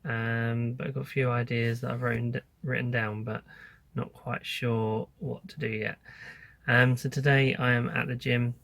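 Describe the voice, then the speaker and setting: Casual male vlogger with a creaky voice. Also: mid-range voice, little pitch movement, normal speed, fairly bright tone, no room sound. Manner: hesitant, informal, thinking aloud. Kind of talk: casual update to camera.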